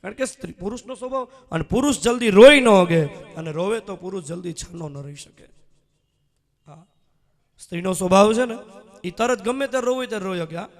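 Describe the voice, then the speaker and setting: High-voiced folksy preacher. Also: male voice, fairly quick. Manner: folksy, humorous, animated. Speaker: kathakar, preacher. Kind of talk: devotional sermon with storytelling.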